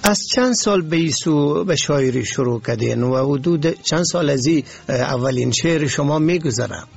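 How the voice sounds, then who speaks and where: Gravelly Afghan Dari radio interviewer, husky voice. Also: male voice, fairly high pitch, animated. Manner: polite and formal, with frequent short agreements. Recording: muffled radio broadcast.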